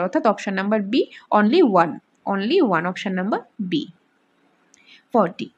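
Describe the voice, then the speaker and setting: A woman teacher with a Bengali accent, reading exam questions slowly and then explaining each answer with questions to the class. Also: sits high. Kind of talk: exam-prep lesson going through multiple-choice questions. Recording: dull lo-fi sound.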